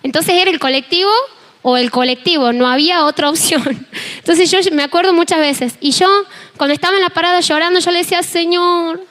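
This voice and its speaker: A young woman with an Argentine accent, preaching a sermon and telling a personal testimony in an animated, storytelling way. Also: high-pitched, fast talker. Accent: Argentine Spanish. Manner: animated storytelling, acting out dialogue. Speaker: preacher and worship team member.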